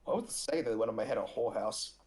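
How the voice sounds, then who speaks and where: Man, player, insistent, argumentative, voice lowered by illness. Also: rapid-fire, a little mellow. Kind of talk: tabletop game chatter.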